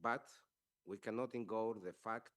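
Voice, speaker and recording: Here a Greek-accented man, Greek by birth and first language, makes a formal statement to the press while leading a parliamentary delegation. His voice sits fairly low and sounds a bit bright, and he speaks in a measured manner broken by many hesitations.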